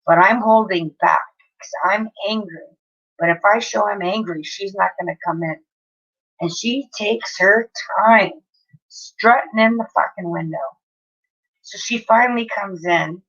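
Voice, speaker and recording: A woman's voice: mid-range voice, measured pace, fairly bright tone, lo-fi sound. A woman, livestreaming from home and telling a long story in a casual, chatty way with frequent swearing. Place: home, near an open window.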